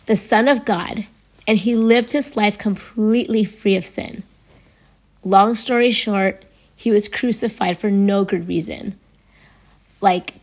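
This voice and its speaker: A young adult woman hosts a faith podcast, speaking earnestly and conversationally. Laryngitis has left her mid-range voice hoarse and raspy.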